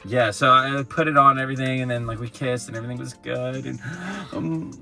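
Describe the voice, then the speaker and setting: A young man telling a story in a casual vlog, animated and slangy, swearing often. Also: medium pitch, brisk, vocal fry, soft background music. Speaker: vlog co-host.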